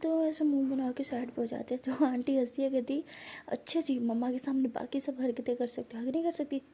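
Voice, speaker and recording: A woman narrating a romantic story and voicing its characters in a soft, partly whispered manner. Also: sits high, fairly even intonation, a little fast, slightly rough.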